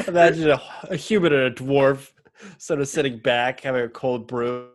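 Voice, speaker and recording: A man's voice: mid-range voice, moderate pace. A man in casual chat, explaining things in a rambling way with many fillers.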